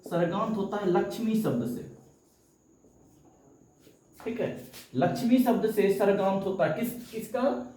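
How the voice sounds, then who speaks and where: A man's voice: high-pitched, unhurried, long pauses, dark tone. Echoey male teacher quizzing his class. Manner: asks questions and answers them himself; chants verses in a recitation tone. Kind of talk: live online exam-coaching lesson.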